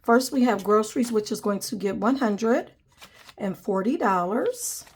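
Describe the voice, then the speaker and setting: With a husky, expressive, mid-range voice, a young woman leisurely hosts her budgeting vlog, counting cash out loud and chatting in a friendly manner. She calls everyone "guys" and sounds nasal, as if she has a cold.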